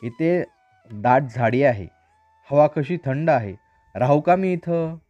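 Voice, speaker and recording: A man's voice: fairly high pitch, expressive, takes it slowly, dark tone, no room sound, soft background music. A man voicing a polite male lion who humbly apologizes and asks for shelter in a storybook tale. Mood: pleading. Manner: apologetic, pleading. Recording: dry, slightly dull recording.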